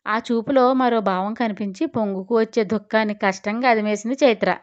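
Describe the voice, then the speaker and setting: A woman's voice: mid-range voice, fairly even intonation, brisk, highs cut off. A woman hosting an audio story channel, narrating a romantic drama and reading every character's lines in her own voice with small changes. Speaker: storyteller host.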